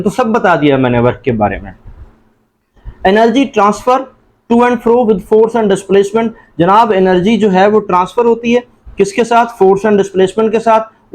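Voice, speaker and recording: A man's voice: high-pitched, a little mellow. A man with a Pakistani Urdu accent teaching an entry-test lesson, asking each question and answering it himself, often calling the listeners "janab".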